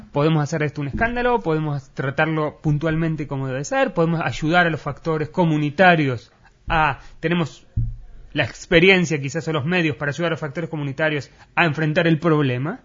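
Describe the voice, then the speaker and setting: A man from Argentina with an Argentine accent, explaining politics in an interview, hesitating often with fillers and restarts. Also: fairly high pitch. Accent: Argentine Spanish. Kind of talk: analytical interview talk. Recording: muffled lo-fi recording.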